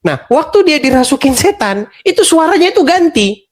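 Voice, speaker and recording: A man hosting an interview, speaking in a measured, skeptical way and repeating phrases for emphasis. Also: very high-pitched, very animated. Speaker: host. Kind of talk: conversational interview.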